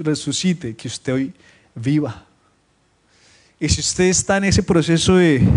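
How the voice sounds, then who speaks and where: A man preaching a Spanish-language sermon to his congregation, switching between loud, emphatic scripture reading and quiet, joking asides. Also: on the high side. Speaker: pastor. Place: church meeting room, streamed live.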